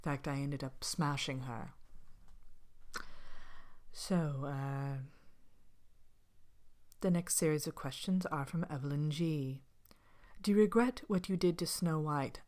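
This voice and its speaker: A woman voicing a haughty, vain evil fairy-tale queen in an ASMR role-play, soft-spoken and partly whispered, pompous and languidly disdainful. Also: sits low. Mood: scornful. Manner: pompous, languid, theatrical disdain with drawn-out words. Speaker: host of a character Q&A show. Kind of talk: ASMR character role-play, answering questions.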